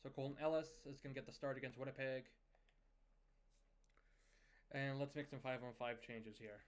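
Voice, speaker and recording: A young man with a mid-range voice narrates his hockey management game from a home desk setup. He runs through goals, periods and roster changes in a casual, even-keeled commentary style. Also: medium pitch, normal speed. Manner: steady, conversational recap of scores and lineup moves.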